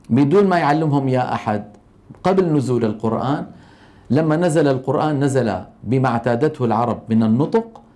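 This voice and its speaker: A middle-aged man teaching a lesson on Quran recitation. He asks the class questions, answers them himself and draws out sounds slowly to demonstrate them. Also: fairly high pitch, darkish tone.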